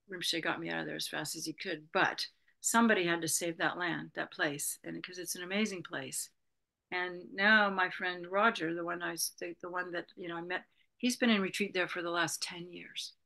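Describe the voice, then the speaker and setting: A Buddhist retreat leader in her sixties from Berkeley, California, talks reflectively as an interview guest, rambling with plenty of "you know"s. Her voice is on the low side, gravelly, bright and forceful in this casual conversation.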